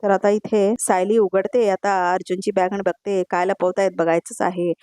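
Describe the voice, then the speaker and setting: Brief: chatty woman narrator for a serial recap voice-over, mid pitch, dry sound. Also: fairly even intonation, moderate pace, dark tone, no room sound. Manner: chatty, addresses viewers directly.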